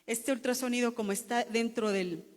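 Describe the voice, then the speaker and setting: A woman's voice: a little high, steady tone, normal speed, big-room sound. A woman giving an emotional church testimony as a pastor's wife, telling her story with repetitions and restarts.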